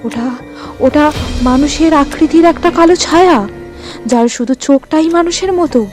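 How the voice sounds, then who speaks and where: With a high voice, a woman narrates a first-person horror story in a suspenseful, theatrical manner, using dramatic pauses over background music.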